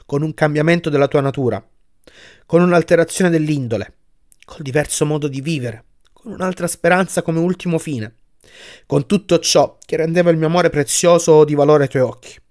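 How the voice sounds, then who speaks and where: A man voicing a sorrowful young woman in an audiobook, speaking softly and quietly as she lets her lover go. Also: a little high, brisk, lightly acted. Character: young woman, sad, gently firm.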